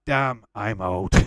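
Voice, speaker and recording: Reading out viewer comments during a casual watch-along livestream, this host is blunt, chummy and informal. He is in his forties, from West Yorkshire, England, with a Yorkshire accent and a lowish voice, captured dry at studio quality.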